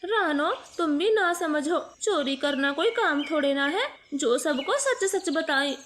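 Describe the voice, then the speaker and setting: A fretful young female crow from a cartoon, worried for her husband, as a woman puts her on. Her voice is high and climbs higher as she begs for help. Her pitch swings all over. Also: lively intonation, a little slow, fairly bright tone, a little hiss or hum. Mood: pleading. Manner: anxious, pleading.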